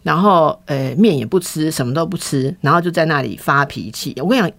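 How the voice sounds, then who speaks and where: This is a woman in a relaxed podcast conversation. Her voice sits somewhat low for a woman. She tells a personal story candidly and animatedly, slipping into the voices of the people she quotes. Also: fairly quick, vocal fry. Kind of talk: casual chat, personal storytelling.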